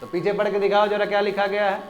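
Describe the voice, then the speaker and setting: High-voiced man teaching a class. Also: level tone, fast, reverberant, highs cut off, soft background music. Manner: questioning, drills students repeatedly. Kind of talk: classroom grammar lesson. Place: classroom with students.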